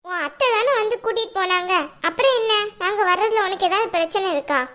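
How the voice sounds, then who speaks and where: A woman's voice: extremely high pitch, quick pace, fairly bright tone. A woman voicing a fussy middle-aged village mother in a cartoon, scolding and questioning her daughters.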